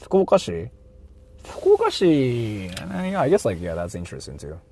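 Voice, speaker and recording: On a casual in-car livestream, a man drives and chats, wandering off topic, repeating phrases, and swearing liberally. He speaks at a normal speed in a warm, medium-pitched voice with huge pitch swings, over the sound of the vehicle in a noisy interior.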